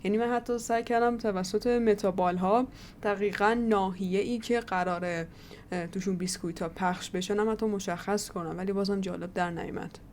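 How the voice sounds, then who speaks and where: Working on her 3D projects, this channel host talks casually and thinks aloud, muttering to herself as she experiments. She speaks in a steady, mid-range voice with a slightly mellow quality, and there's a little hiss or hum on the recording.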